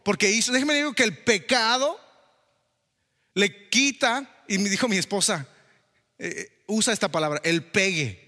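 High-pitched animated male pastor. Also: moderate pace, long pauses, in a large hall. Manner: animated, asks the congregation questions. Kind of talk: sermon.

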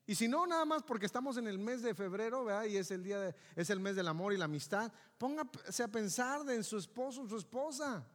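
A man's voice: high voice, brisk, few pauses. A man with a Mexican accent preaching a sermon as pastor, often asking his congregation "yes or no?". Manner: lively, asks the congregation "¿sí o no?". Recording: reverberant hall with faint music.

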